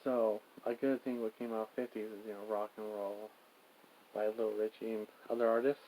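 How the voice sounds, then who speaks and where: A man with a fairly low voice hosts a loose, casual monologue. He speaks tentatively, wandering off and correcting himself. There is some faint noise on the recording. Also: flat delivery, brisk, dark tone. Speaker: host of a show of personal thoughts. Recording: clearly noisy background with clicks.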